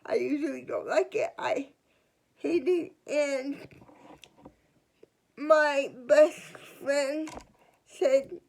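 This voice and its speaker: A twenty-year-old woman vlogger telling a personal story in a halting, earnest way, often restarting her words. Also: high voice, fairly even intonation, creaky, a little mellow, rough recording. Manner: halting and earnest, with frequent restarts and trailing pauses. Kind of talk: personal confessional storytime vlog.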